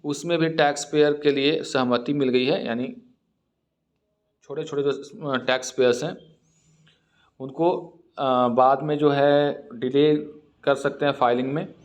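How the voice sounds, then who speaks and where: A man with an Indian accent, teaching English by reading editorial lines slowly and then explaining word meanings in Hindi. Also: on the high side.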